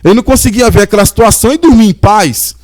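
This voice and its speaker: A man, preaching a sermon as a pastor and reading scripture slowly with rising emphasis. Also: high voice, a little mellow, no room sound.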